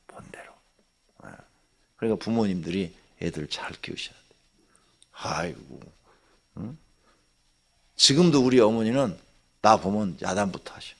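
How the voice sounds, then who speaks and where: An older male pastor delivers an early-morning sermon in a husky, gravelly voice. His pitch climbs and drops with lively energy, and he moves from booming exclamations to near-whispers. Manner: conversational preaching, swings from loud exclamations to near-whispers. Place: church sanctuary.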